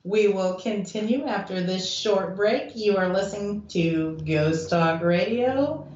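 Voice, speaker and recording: A woman hosting an evening paranormal talk radio show, telling stories in a measured, deliberate way. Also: mid-range voice, a little mellow. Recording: dull lo-fi, roomy echo.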